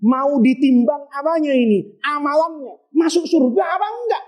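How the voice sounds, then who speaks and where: A male preacher telling a sermon story, animated, asking questions and answering them himself, sometimes bursting into shouts. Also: very high-pitched, normal speed, lo-fi sound.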